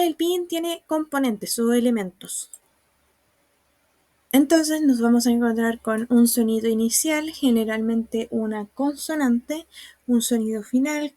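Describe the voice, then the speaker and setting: A woman's voice: fairly high pitch, dark tone, no echo. A woman, patiently explaining sounds and writing in a recorded online lesson. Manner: slow, patient explaining with examples. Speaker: Mandarin teacher.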